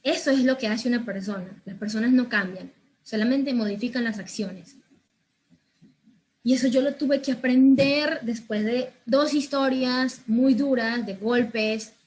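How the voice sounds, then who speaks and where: A young Colombian woman speaking to students, earnest, slow and emphatic, often repeating phrases for weight. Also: fairly high pitch, a little mellow, slight background noise. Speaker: guest speaker to school students. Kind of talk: personal testimony talk.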